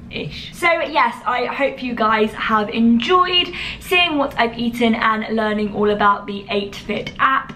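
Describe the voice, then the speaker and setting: A woman's voice: fairly high pitch, pushed and bright, a little hiss or hum. A young woman chatting casually to camera in a vlog, self-deprecating and friendly. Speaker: vlogger. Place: small bathroom at night.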